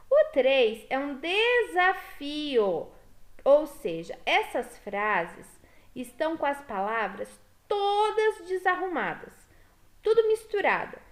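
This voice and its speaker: A high-voiced Brazilian woman teacher, talking slowly and patiently to small children as she walks them through a workbook. Her pitch swoops up and down in a sing-song way, and she keeps checking in with short questions. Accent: Brazilian Portuguese. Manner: slow, sing-song teacher talk with frequent "tá?" and "ó". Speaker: primary school teacher. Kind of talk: explaining a workbook to young children.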